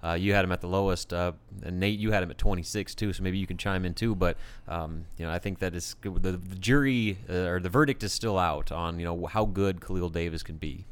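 A man's voice: deep voice, a little fast, few pauses, smooth. An American man giving conversational sports analysis as a panelist on a talk show.

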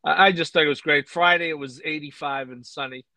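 A man co-hosting a racing podcast, talking in a measured way with dry wit. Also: on the high side, fairly even intonation, bright, forceful tone, dry recording. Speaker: co-host and racing analyst. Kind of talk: casual panel chat.

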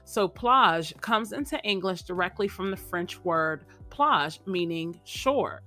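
Soft music plays in the background as this woman, a podcast host, speaks slowly and expressively in a bright, forceful, fairly low voice. Getting over a cold leaves her sounding slightly off, yet she keeps things upbeat and chatty, repeating phrases through a casual motivational chat and vocabulary lesson.

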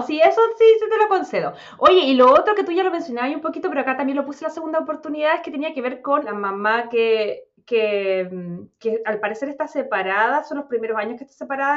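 High-voiced Chilean woman chatting fast. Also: fairly bright tone, dull audio. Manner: chatty, fast, full of slang fillers. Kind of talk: casual chat.

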